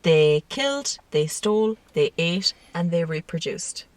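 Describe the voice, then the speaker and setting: A woman's voice: on the low side, animated, measured pace, dry recording. Woman podcast host, chatty and laughy, swears a lot, dry sound, kinda far from mic. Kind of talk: casual true-crime podcast chat.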